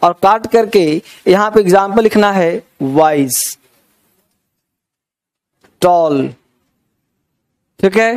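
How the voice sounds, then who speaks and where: High-voiced man teaching a grammar class. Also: takes it slowly, pauses often. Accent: Indian English words in Hindi. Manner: repeats checks for understanding, coaxing students.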